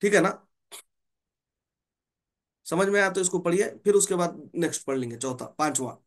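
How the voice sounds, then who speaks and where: A man teaching a Quran recitation class, patiently explaining rules and slowly stretching out example words. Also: high voice, animated. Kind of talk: online tajweed class.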